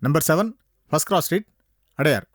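An actor playing a police inspector who gives information briskly over the phone. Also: male voice, fairly high pitch, animated, dry recording, clean studio sound. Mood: businesslike. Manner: brisk, matter-of-fact. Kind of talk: Tamil TV serial acting.

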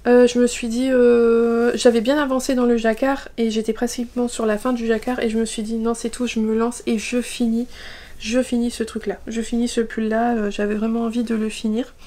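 French lady rambling about her knitting, kinda high voice but soft and mellow, lots of ums. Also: little pitch movement, a little fast. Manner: rambling, many fillers and asides. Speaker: knitting podcast host. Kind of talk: casual chatty vlog.

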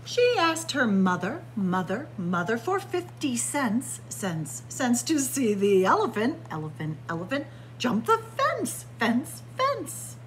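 Sitting close to a webcam among library bookshelves, a woman in her sixties who works as a children's librarian reads a picture book in a slow, slightly high voice whose pitch swoops wildly. She chants the rhymes sing-song and makes playful asides, with a little hiss or hum on the audio.

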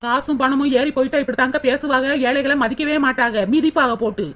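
A voice actor dropping to a deep, gruff tone for a grumbling villager in a cartoon comedy, muttering asides. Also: steady tone, fairly quick, a bit bright.

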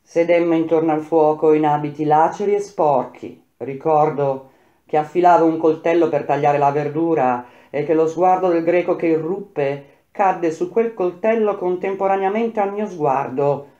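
Grave mellow woman reading a novel aloud. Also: low voice, lo-fi sound. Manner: measured, grave, with slow pauses. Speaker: reader. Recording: roomy echo.

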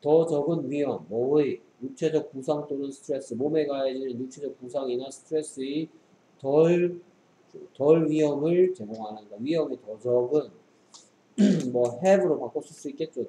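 Reading English sentences aloud and checking his student with brief questions, a male tutor explains the text in a warm, medium-pitched voice at normal speed. Faint background noise and echo fill the room.

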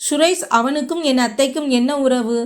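High-voiced woman narrating a dramatic story. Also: normal speed. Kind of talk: scripted first-person narration.

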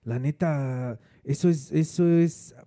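A man's voice: fairly high pitch, takes it slowly, dark tone. A man hosting a casual interview, chatty, slangy and encouraging. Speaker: interview host.

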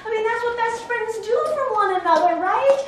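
Actress playing a clingy overeager friend, high bright voice, nervous laughs, distant stage sound, big reverb. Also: female voice, lively intonation, normal speed, background noise. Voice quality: gushing, talks over others, nervous laughs. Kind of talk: stage play performance. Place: theater stage. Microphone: far room mic. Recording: echoey stage recorded from afar.

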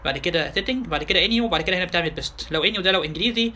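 Quick-talking Egyptian man teaching software. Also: high-pitched. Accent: Egyptian Arabic. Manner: quick, chatty, addresses listeners directly with rhetorical questions. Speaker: software instructor. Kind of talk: tutorial lecture.

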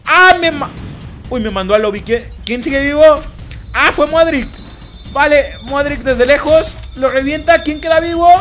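A young man hosting a multiplayer minigame, commentating with excited energy, shouting and laughing at the action. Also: very high voice, moderate pace, faint music behind. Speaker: gaming youtuber hosting a minigame.

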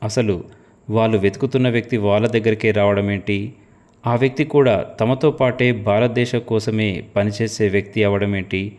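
A man narrating a scripted suspense story in a steady, dramatic reading. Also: lowish voice, moderate pace.

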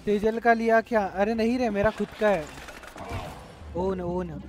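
A man's voice: high-pitched, fairly even intonation, a little slow, noisy background. Man urgently coaching his game partner. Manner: teasing banter with chat. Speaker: game streamer. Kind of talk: casual live-stream gaming chat.

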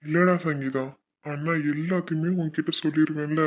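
A woman voicing a loving young adult man who gently pleads with his younger sister in an animated cartoon. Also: sits low, normal speed, close to an everyday voice. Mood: soothing. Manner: tender, pleading, emotional. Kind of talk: dubbed animation voice acting. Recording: dull lo-fi recording.

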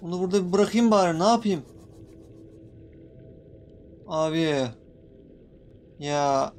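A young man with a high-pitched voice talks through a game in a casual, jumpy way, nervous and quick to yelp. A faint hiss sits under his voice. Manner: jumpy, excitable, swearing playfully at in-game creatures. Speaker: gaming YouTuber. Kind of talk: casual Let's Play commentary.

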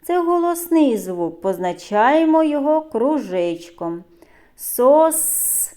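A woman with a Ukrainian accent, a preschool teacher giving a phonics lesson to young children in a slow, clear, sing-song voice. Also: mid-range voice, sing-song, darkish tone.

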